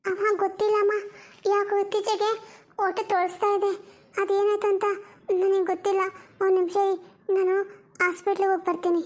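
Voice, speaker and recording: A woman voicing a timid young maid in an animated drama, meek and pleading. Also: extremely high pitch, brisk, long pauses. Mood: uneasy.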